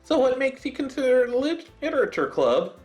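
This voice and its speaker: Confident teen girl, man in falsetto, sweet, reassuring. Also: very animated, moderate pace, faint music behind.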